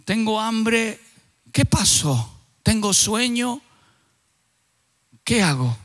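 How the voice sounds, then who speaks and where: A man preacher voicing a ragged homeless man in a slow, low, bewildered mutter. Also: very animated, a bit bright, heavily acted. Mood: dazed. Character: dazed ragged homeless man, weak and confused.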